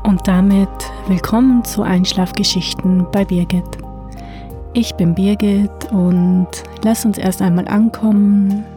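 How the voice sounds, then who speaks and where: A woman narrating a sleep story softly and soothingly, unhurried, with long pauses between phrases. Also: mid-range voice, steady tone, faint music behind. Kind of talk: slow, hushed sleep story narration with guided relaxation.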